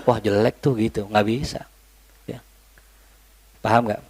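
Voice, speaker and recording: A man's voice: on the low side, measured pace, slightly rough. A man teaching an Islamic study class, mixing Arabic recitation with joking, colloquial asides to his students. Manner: lively, joking, colloquial Jakarta slang mixed with Arabic recitation. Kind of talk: religious study lecture.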